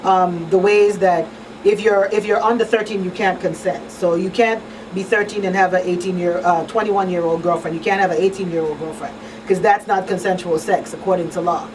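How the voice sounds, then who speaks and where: A middle-aged woman hosts a conversational radio talk show from a small studio, her voice low, steady, and fairly quick as she speaks earnestly and repeats phrases for emphasis. She's on a boom-arm studio mic but sits distant from it, so faint room noise comes through.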